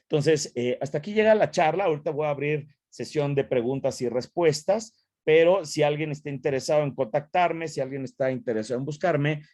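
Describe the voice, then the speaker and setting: A man's voice: on the high side, brisk, darkish tone, no room sound. Man lecturing, dry close sound. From Mexico. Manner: frequent tag questions and restarts. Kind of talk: online talk with Q&A.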